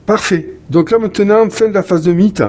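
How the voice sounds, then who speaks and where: With a high-pitched yet darkish voice at a moderate pace, a channel host narrates his own solo board game session. He reads out cards, chats with viewers, and mutters to himself, sighing whenever luck turns against him.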